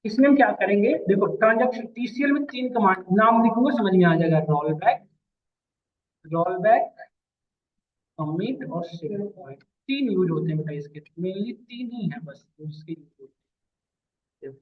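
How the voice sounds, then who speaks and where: Male teacher, high voice, mic far off, phone-quality audio, talks to a class. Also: lively intonation, normal speed. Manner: addresses students as beta, asks checking questions. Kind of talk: classroom lecture. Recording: distant mic, phone-like lo-fi sound.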